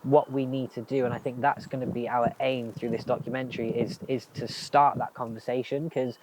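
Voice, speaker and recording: A man who makes documentaries talks with the people he interviews. He is reflective and agreeable, and his voice sits at an ordinary middle pitch. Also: flat delivery, fairly quick, noisy background. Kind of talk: conversational interview.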